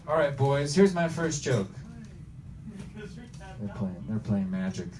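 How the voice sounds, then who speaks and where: A man's voice: medium pitch, very animated, takes it slowly. A man doing crude, brash stand-up for people in a game store. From Bosnia. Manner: brash, provoking the crowd. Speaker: stand-up comedian. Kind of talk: crude improvised stand-up in a shop. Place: retro video game store. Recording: far from the mic, noisy store.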